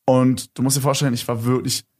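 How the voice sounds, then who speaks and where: Young guy podcast host rambling through a story, lots of slang and "like", normal pitch. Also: little pitch movement, quick pace, darkish tone, a little hiss or hum. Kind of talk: casual storytelling chat.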